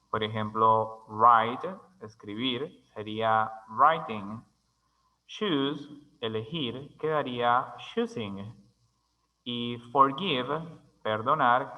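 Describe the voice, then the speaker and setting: Male language teacher, unhurried and methodical, crisp tone, long room reverb. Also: mid-range voice, pushed and bright. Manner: slow, deliberate, spells words letter by letter. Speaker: English teacher. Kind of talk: grammar lesson.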